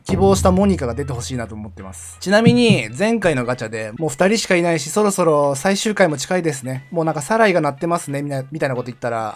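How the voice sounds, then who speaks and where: A young man giving casual commentary while streaming a game, chatty and laughing often, with sudden loud outbursts. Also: fairly high pitch. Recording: game music playing behind the voice. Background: background game music.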